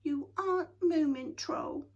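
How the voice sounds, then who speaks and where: A woman's voice: high-pitched, slow pace, dull audio, voice pushed up. A woman voicing a smug, snippy young female creature in a storybook reading. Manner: snippy, scornful.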